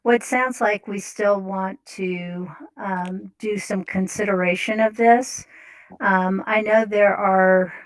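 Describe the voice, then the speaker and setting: A woman's voice: mid-range voice, steady tone, slow pace, rough recording. A woman chairing a city council meeting, businesslike and polite, with frequent ums and restarts.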